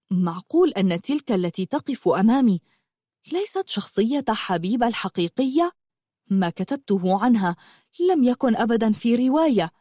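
A woman narrating an audiobook story in an expressive storytelling manner. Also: medium pitch, no room sound, studio quality.

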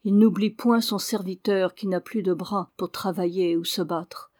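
A man's voice: high-pitched, fairly even intonation, moderate pace, darkish tone. A woman reading aloud voices a frail, ailing old father, speaking faintly and wearily. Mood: weak, pleading. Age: older. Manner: faint, weary, breathless speech.

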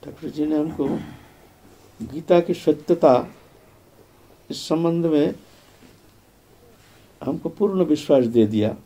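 An older man giving a devotional spiritual discourse, telling his life story in a reflective way with repeated phrases and soft trailing fillers. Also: fairly high pitch, slow pace, pauses often. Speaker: spiritual speaker.

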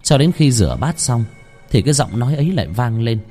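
A man's voice: medium pitch, animated, brisk, dark tone, faint music behind. A man narrating a ghost story in a dramatic, suspenseful manner.

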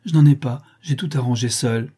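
A man's voice: mid-range voice, a little fast, warm tone, slightly rough, pitched above the performer's own voice, close to an everyday voice. A man voicing a dignified young countess in an audiobook, speaking in an earnest, pleading yet firm way. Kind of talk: audiobook character reading.

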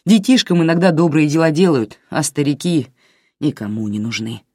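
A reader doing a gruff bitter old man. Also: mid-range voice, moderate pace, darkish tone, no room sound, studio quality, close to an everyday voice. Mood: grumbling. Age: older. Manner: gruff, grumbling. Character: bitter elderly man, grumpy stepfather.

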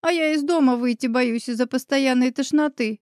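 A bossy young woman who snaps out orders and brushes off worry, as a female reader voices her. The voice sits raised and quick-tempered, with a dry, close sound and no room around it. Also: sits high, darkish tone, dry recording, lightly acted. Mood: brisk, bossy. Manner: bossy, snappy. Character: brisk bossy pregnant young woman friend. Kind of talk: audiobook character voice.

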